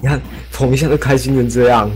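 A man's voice: medium pitch, fairly even intonation, fast talker, darkish tone. A young man, taunting and laughing at his opponent in a voice-chat argument. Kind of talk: heated trash talk.

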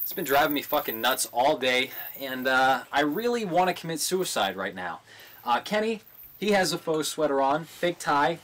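A man in his twenties, drunk, hosting a podcast with crude, deadpan jokes in an irreverent casual chat. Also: a little high, normal speed. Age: 20s. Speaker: comedy podcast host. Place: small indoor studio with green backdrop. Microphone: large desktop studio microphone.

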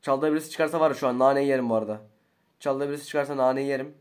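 A young man, commentating his own gameplay casually, slangy and excitable, swinging between low muttering and loud outbursts. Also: rapid-fire. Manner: slangy, swears often. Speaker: gaming YouTuber.

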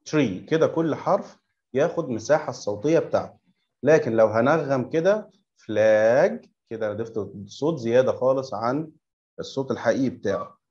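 Man, Egyptian Arabic accent, English teacher, online class, patient drilling, slow repeated words, muffled call audio. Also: mid-range voice, darkish tone. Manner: patient, corrective, repeats words slowly for pupils to echo. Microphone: video call.

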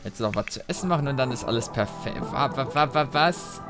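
Man, let's play commentary, casual, lively pitch, game music behind. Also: a little fast. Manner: animated, talks to his game characters.

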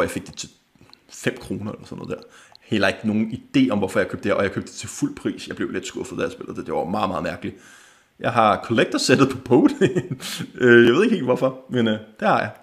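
Young man, gravelly voice, casual stream host, brisk one-line opinions, frequent chuckles. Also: fairly low pitch. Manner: quick offhand verdicts with frequent chuckles. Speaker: gaming channel host. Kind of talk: casual livestream chat.

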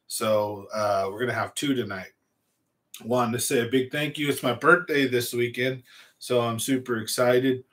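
A man's voice: mid-range voice, a bit bright. Male host, 40, fishing livestream, easygoing and rambling; small home room, big studio mic up close. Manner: rambling, laid-back, reads and answers chat. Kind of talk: casual livestream chat. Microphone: large studio mic on a stand in front.

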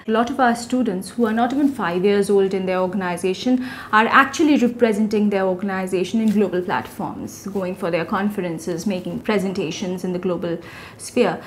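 Woman, mid pitch, composed and promotional, faint room hiss. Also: darkish tone. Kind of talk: interview.

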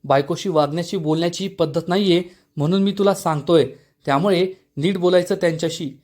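A man's voice: high voice, brisk, darkish tone, lightly acted. A man reading the lines of a protective elder brother who scolds firmly. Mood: stern. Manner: firm, scolding.

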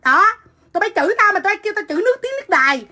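Foul-mouthed woman ranting, high bright voice. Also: big pitch swings, racing. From Vietnam. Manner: profane, combative, shouting insults. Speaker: livestreamer. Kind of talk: angry livestream rant.

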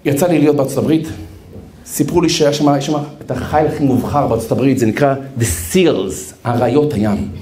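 A man, a rabbi, giving a live sermon with lively storytelling and acted-out quotes in a large hall. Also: mid-range voice. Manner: animated, acts out quotes, addresses listener as brother. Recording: roomy hall echo.

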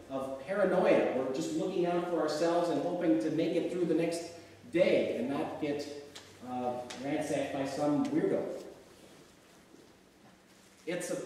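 A middle-aged man preaching a sermon as pastor in a church, pausing deliberately as he recites figures. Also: fairly high pitch, darkish tone, slight background noise. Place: large church sanctuary. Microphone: far camera in the pews. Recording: roomy church echo from far off.

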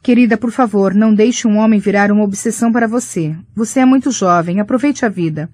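A woman reading the part of a gentle, anxious mother calling her daughter. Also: mid-range voice, fast talker, dry recording, clean studio sound, natural voice. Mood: tender, concerned. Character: warm worried middle-aged mother on the phone.

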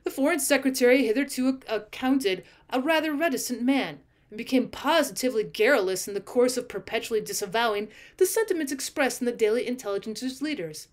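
A woman with a fairly high voice and lively intonation narrates a literary short story. She reads deliberately and expressively, leaning on key phrases like a teacher reading aloud.

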